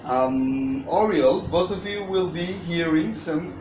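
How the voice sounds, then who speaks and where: An adult with a mid-range voice, a guest storyteller reading to a child, gives a casual, unscripted introduction to storytelling. The delivery is hesitant and wordy, with frequent long pauses. The noisy recording comes from a distant mic in an echoey room.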